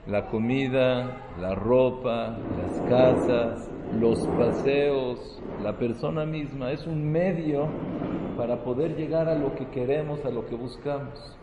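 A man's voice: mid-range voice, slow pace, roomy sound, in a large hall, lo-fi sound, heavy background noise. A man giving a sermon as a rabbi, mixing Hebrew terms into his talk and building to emphatic, rising peaks.

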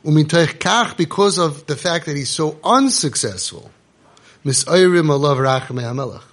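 A man's voice: a little high, expressive, moderate pace, fairly bright tone. A man speaking as a rabbi giving a Torah lecture, reading text and explaining it emphatically, with repeated phrases. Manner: emphatic, repeating and rephrasing for effect. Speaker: rabbi giving a religious teaching.

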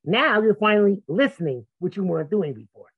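The man's high-pitched voice is sing-song, brisk, and slightly rough as he argues insistently in a conversational religious debate. He stammers through restarts, and the sound is narrow and muffled like a phone call.

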